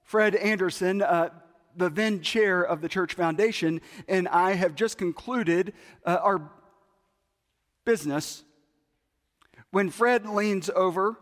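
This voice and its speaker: A man's voice: high voice, takes it slowly, long pauses. A man preaching a sermon, animatedly telling a story and acting out both sides of a conversation. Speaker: pastor. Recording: long hall reverb.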